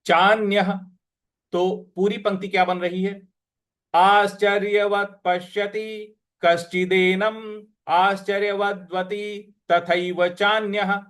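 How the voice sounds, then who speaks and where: A man with a fairly high voice leads a recitation lesson at an unhurried pace. He sounds out each syllable with care and repeats words so students can copy him. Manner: slow, careful syllable-by-syllable pronunciation drill. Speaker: teacher.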